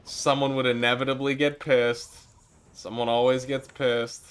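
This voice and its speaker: This young Midwestern streamer talks through a game in a relaxed, nostalgic way, with the odd curse word and laugh. He has a mid-range, smooth, fairly bright voice, a level tone, and a slightly slow pace.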